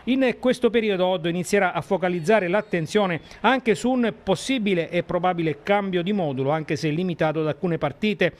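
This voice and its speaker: A man presenting the sports news on a local TV bulletin, reading in a brisk, formal way. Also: high-pitched.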